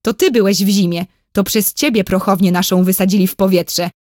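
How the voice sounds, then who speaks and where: A woman's voice: mid-range voice, steady tone, a little fast, a little mellow, no room sound, studio quality, lightly acted. A woman reading a storybook, voicing an angry, scornful male enemy army officer who sneers harshly.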